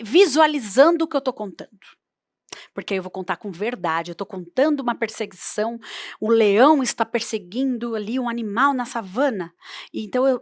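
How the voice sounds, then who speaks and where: A woman's voice: mid-range voice, no room sound, clean studio sound. A woman teaching oral storytelling in a workshop, playful and demonstrative as she varies her voice. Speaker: storytelling instructor.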